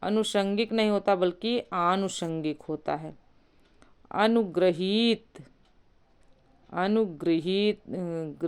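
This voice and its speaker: Slow, clear-voiced woman teaching spelling. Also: on the low side, a little mellow. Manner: slow, deliberate, spells words out part by part. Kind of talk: spelling lesson.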